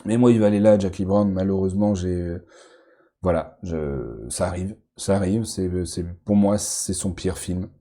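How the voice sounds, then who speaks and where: Rambling man with a dark voice. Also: low-pitched, normal speed. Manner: rambling, self-correcting with many fillers and repeated words. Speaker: film YouTuber ranking movies. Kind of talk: casual chat.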